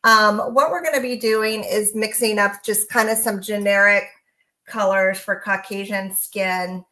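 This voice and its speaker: A woman's voice: medium pitch, measured pace. Chatty woman teaching painting. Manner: chatty, relaxed, many fillers. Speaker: painting instructor. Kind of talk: live painting demonstration. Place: indoor studio, facing away from the camera mic. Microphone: camera mic behind her.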